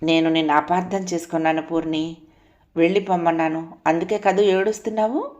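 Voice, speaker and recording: A woman's voice: on the low side, fairly even intonation, fairly quick, a little mellow, muffled recording, natural voice. A woman voicing a remorseful young husband. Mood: pleading. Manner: pleading, tender.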